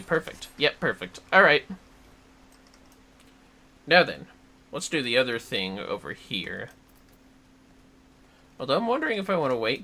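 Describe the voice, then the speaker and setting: Thinking out loud as he plays a video game on a livestream, this man talks casually and drops the occasional mild curse. His pitch is fairly low and his tone sharp.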